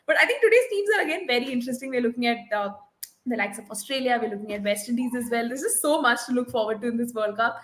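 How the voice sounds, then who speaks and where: Indian woman chatting about cricket, highish voice, echoey room. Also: lively intonation, quick pace, fairly bright tone. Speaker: cricket panelist. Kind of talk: casual sports chat. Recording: roomy echo.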